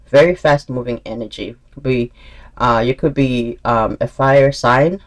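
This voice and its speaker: A man's voice: mid-range voice, unhurried. Earnest man giving a tarot reading. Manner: earnest, encouraging, spiritual advice in direct address; repeats himself and restarts while reading cards aloud. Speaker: tarot reader. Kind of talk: intuitive tarot reading to camera.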